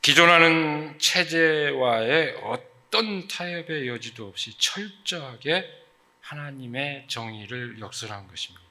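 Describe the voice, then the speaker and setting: A man preaching a sermon as pastor, earnest and emphatic, with frequent fillers and sudden loud stresses. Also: mid-range voice.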